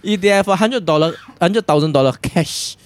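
A man's voice: high-pitched, moderate pace. A man with a Singaporean accent chatting casually as a podcast co-host, in colloquial Singlish full of particles and repeated words. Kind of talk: casual chat.

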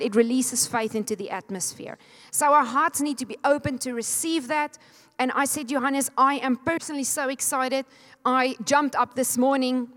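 A woman's voice: high voice, a bit bright. Fervent woman preaching. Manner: fervent, exhorting, leads the congregation in call and response. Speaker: pastor. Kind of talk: sermon. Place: church sanctuary. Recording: long hall reverb.

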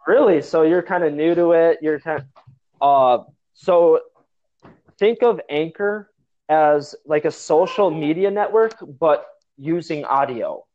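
A man's voice: on the high side, takes it slowly. An American man chatting casually in a blunt, enthusiastic and emphatic way. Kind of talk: casual chat. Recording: dull lo-fi app call audio.

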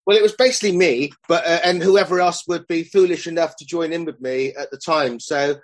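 A man's voice: on the high side, brisk. A man in his fifties chatting as a guest, rambling and self-deprecating as he recalls running club nights. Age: 50s. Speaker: guest, club promoter and songwriter. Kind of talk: casual chat.

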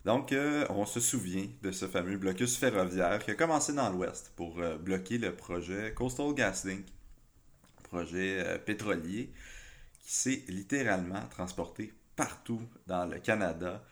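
A man's voice: low-pitched, unhurried. A man with a Québécois accent who is a political columnist, speaking in a casual panel discussion and often stopping for fillers and restarts. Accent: Québécois French. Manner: hesitant, many fillers and restarts.

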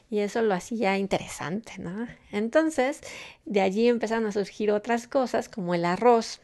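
A woman from Mexico with a Mexican Spanish accent, speaking in a casual, rambling monologue to listeners, with many fillers and frequent small laughs. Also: mid-range voice.

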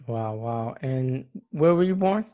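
Mellow-voiced male interviewer. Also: medium pitch, lively intonation, slow pace, dull audio. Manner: short prompting questions. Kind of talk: personal interview.

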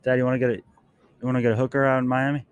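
A man's voice: medium pitch, flat delivery, very fast, clean tone. A man co-hosting a casual podcast at an airport gate, laid-back, slangy and profane. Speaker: podcast co-host. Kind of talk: casual chat.

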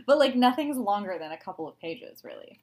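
A woman's voice: mid-range voice, fairly quick. A woman co-hosting a book podcast in casual chat, upbeat and agreeable. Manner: upbeat, agreeable, lively intonation. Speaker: podcast co-host; writer.

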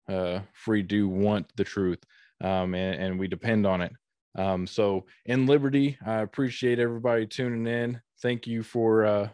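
A man hosting a podcast interview over a video call, talking haltingly with many fillers and restarts. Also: lowish voice, a little mellow, no echo, clean studio sound. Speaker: podcast host.

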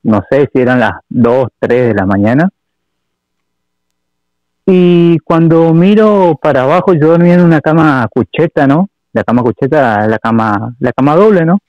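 A man from Argentina with an Argentine Spanish accent, calling in to tell a personal story in a halting way, full of fillers and repeats. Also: a little high, lively intonation, no room sound, highs cut off. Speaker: caller. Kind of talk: telling a personal story on a call-in show.

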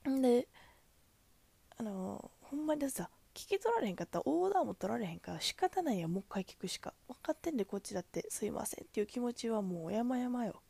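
A woman's voice: fairly high pitch, big pitch swings, fast, creaky, dark tone, slightly rough, no echo. A woman with a Kansai accent, a cashier, venting in a chatty, exasperated way about customers at the register. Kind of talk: casual venting monologue.

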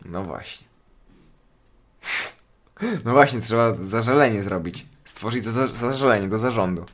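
A man's voice: fairly low pitch, moderate pace, slight background noise. A man co-hosting a casual podcast, joking around, swearing freely and pleading for subscribers. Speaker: podcast co-host and channel owner.

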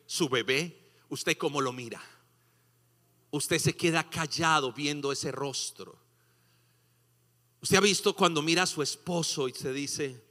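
A male pastor preaching a sermon, swinging from loud sung exclamations to hushed asides and acting out quotes. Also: fairly high pitch. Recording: long hall reverb.

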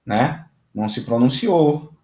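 A man's voice: medium pitch, lively intonation, slow pace, a little mellow. Indignant man with a roomy echo. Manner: emphatic, indignant, repeats words. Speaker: football commentator. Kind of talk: fan football debate show.

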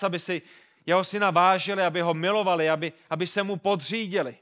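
A man delivers a sermon in a higher-than-usual voice. He presses his points with repeated rhetorical questions and doubled words, steady and emphatic. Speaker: preacher. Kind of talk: expository sermon.

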